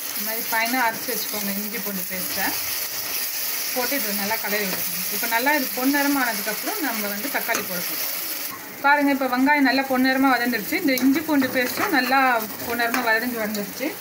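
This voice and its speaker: Standing at her stove, a woman who hosts a cooking channel speaks directly to viewers, guiding them through a recipe one unhurried step at a time in a home cooking demonstration. Her voice is fairly high, and the noisy home recording carries clear background noise and kitchen sounds.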